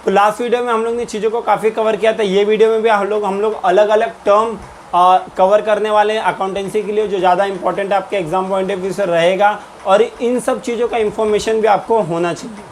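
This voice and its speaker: High-voiced teacher explaining accounts. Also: male voice, fairly even intonation, brisk, a little hiss or hum. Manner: explains in Hindi mixed with English terms, repeats and quizzes. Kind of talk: recorded lecture.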